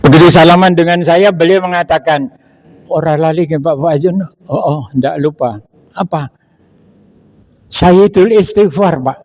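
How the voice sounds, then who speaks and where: An older man preaching a sermon with a Javanese accent, telling stories slowly and reciting Arabic verses. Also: medium pitch, darkish tone. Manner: slow storytelling, mixing Javanese phrases and Arabic recitation.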